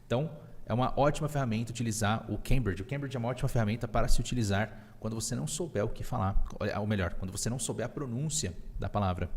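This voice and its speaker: Rapid-fire and with few pauses, a man with a Brazilian Portuguese accent teaches English live online in an upbeat, teacherly manner, slipping English phrases into his explanations. A podcast host as well, he has a mid-range, slightly mellow voice and sounds like he's in a large hall.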